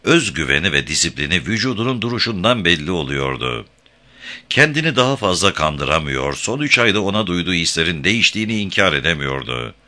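A man narrating a novel as an audiobook in a measured storytelling delivery. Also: low-pitched, big pitch swings, bright, forceful tone. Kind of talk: scripted narration.

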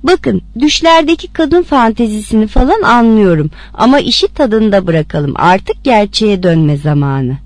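A woman's voice: mid-range voice, very animated, unhurried, few pauses, darkish tone, dry recording. A woman voicing a brash, streetwise woman who threatens and swears coarsely in a read-aloud story. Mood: threatening. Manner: rough, threatening, crude.

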